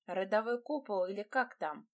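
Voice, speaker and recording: A woman's voice: mid-range voice, lively intonation, moderate pace, natural voice. A woman voicing a fiery young bride who answers sharply and sarcastically in an audiobook. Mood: hurt.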